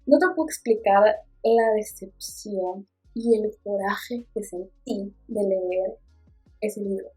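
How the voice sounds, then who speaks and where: A woman's voice: mid-range voice, takes it slowly, mellow, slightly rough, soft background music. A woman with a Mexican accent, a book vlogger chatting casually and expressively about her reading, with playful asides. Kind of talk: casual book review chat.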